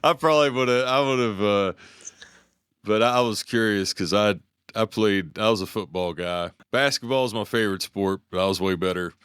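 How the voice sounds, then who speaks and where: A man's voice: lowish voice, moderate pace, clean tone, dry recording, studio quality. Rambling forty-something male co-host. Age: 40s. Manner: animated rambling storyteller. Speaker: podcast co-host, delivery driver. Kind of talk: casual chat.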